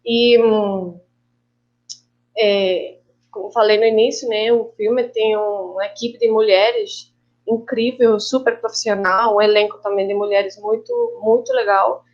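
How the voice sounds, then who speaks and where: A woman from Colombia with a Colombian Spanish accent, a guest filmmaker and actress on an online panel, who speaks reflectively and haltingly, slipping Spanish words into her Portuguese. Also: medium pitch, fairly even intonation, muffled recording.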